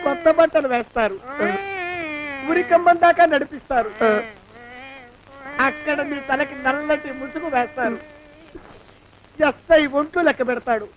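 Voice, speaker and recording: A man's voice: extremely high pitch, normal speed, long pauses, lo-fi sound, crowd noise. An actor playing a cheeky servant who taunts and blackmails his master in a film comedy scene. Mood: taunting. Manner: taunting, theatrical, nagging. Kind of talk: Telugu film comedy acting.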